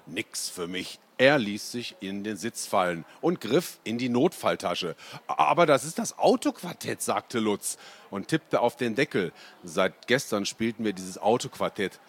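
A man reading a children's book aloud, with chatty asides to his listeners. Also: mid-range voice. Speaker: reader.

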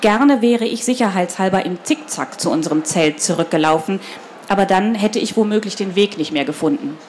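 A woman reading a children's novel aloud in the first person and then talking lively and directly to young listeners about the story. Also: mid-range voice, fairly quick, slight background noise. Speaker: reader of a children's book.

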